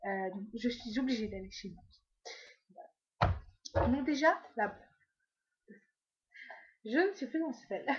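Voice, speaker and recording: A woman from France talks through her makeup haul at home in a casual, rambling way, full of fillers and asides. Her voice sits a little high. The sound is dull and lo-fi, like a basic home video. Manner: chatty, many fillers and trailing asides. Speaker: beauty vlogger. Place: at home, indoors.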